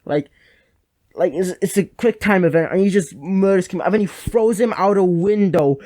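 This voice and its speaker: Brief: young male reviewer, rambling and sarcastic, slightly high, mellow dry home-mic sound. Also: moderate pace. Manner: rambling, sarcastic, lots of fillers. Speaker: game reviewer. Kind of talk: comedic game review. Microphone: home microphone.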